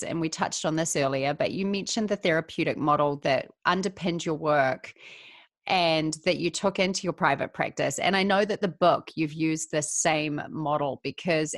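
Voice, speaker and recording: A woman's voice: sits low, no echo, studio quality. A woman hosting a conversational interview, putting questions and remarks to her guest. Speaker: interview host, coach.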